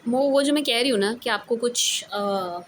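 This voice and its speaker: Woman, Indian accent, casual tarot reading, chatty, mixes in English, slightly high voice. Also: moderate pace, a little hiss or hum. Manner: chatty, mixes English into Hindi, repeats "theek hai ji". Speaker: tarot reader.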